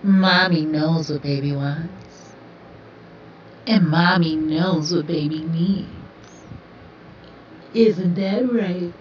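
A young woman speaking slowly in a soft, breathy half-whisper, soothing yet commanding and repeating her phrases. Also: lowish voice. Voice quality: breathy, often slipping into whisper. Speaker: roleplay audio performer. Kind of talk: whispered hypnotic roleplay ASMR. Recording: roomy, distant, dull lo-fi sound with faint hiss.

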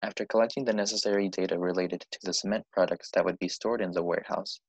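A man student presenter explaining his team's project approach in a measured way. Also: sits low, fairly even intonation, breathy edge, no room sound, low-quality recording.

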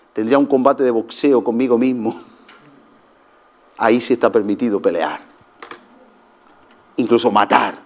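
A middle-aged man preaching a sermon as pastor, telling jokey stories with shouted asides. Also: mid-range voice.

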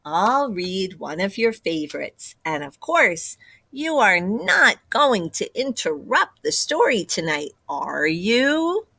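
A woman's voice: mid-range voice, big pitch swings, takes it slowly, creaky, bright, forceful tone, no room sound, voice pushed down, exaggerated voice. Woman doing a weary, patient papa rooster. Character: patient, weary father rooster reading bedtime stories.

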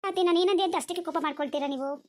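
A woman's voice: extremely high pitch, rapid-fire. A woman voicing a sulky young village daughter-in-law in a comic cartoon. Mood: whiny. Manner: whiny, grumbling asides.

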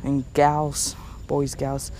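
A man's voice: mid-range voice, monotone, drawn-out words, background noise. A young man casually narrating his fishing vlog outdoors by a pond, chatty and laid-back, filmed on a head-mounted camera. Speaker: fishing vlogger.

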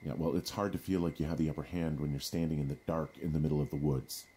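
An actor playing a wry, cautious fire lookout with a dry, sardonic manner in a naturalistic video game. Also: male voice, very deep voice, steady tone, quick pace, warm tone, a little hiss or hum. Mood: uneasy.

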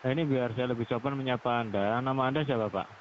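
A man's voice: mid-range voice, fast, a crowd in the background. A man speaking over the phone in a formal, insistent, official-sounding way, politely persuading and repeating himself. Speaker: phone scammer posing as a police officer. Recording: hissy, muffled telephone line.

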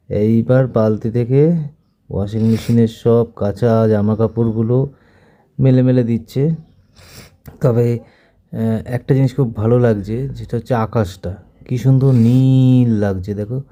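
A man's voice: mid-range voice, dark tone. A man with a slight sore throat, narrating a family vlog in a rambling, repetitive, self-mocking voice-over. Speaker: vlogger narrating his wife's day. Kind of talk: casual voice-over commentary.

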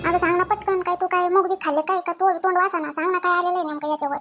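Scolding high-voiced woman in a home drama. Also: steady tone, a bit bright, soft background music. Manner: scolding, demanding, quick-tempered. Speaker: mother-in-law in a home drama.

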